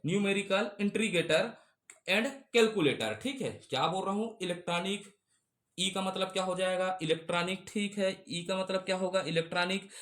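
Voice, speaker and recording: A man's voice: sits high, fairly bright tone. A male teacher giving an exam-prep computer lecture, repeating key terms and asking and answering his own questions. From Chhattisgarh. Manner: repetitive call-and-response drilling.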